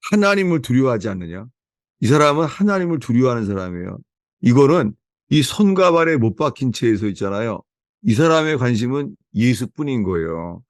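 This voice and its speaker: A man's voice: medium pitch, dry recording, studio quality. A man preaching a sermon as pastor to a small house-church gathering, emphatic and asking the listeners rhetorical questions.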